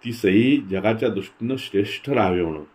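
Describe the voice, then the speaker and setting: A man voicing a grave, steady young wrestler hero who speaks calmly and seriously. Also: on the low side, fairly quick, close to an everyday voice. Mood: grave tender. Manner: grave and calm.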